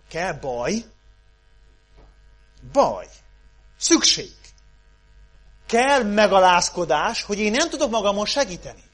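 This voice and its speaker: A man preaching a sermon, moving from loud calls down to hushed pleas. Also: high-pitched. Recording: mains hum underneath.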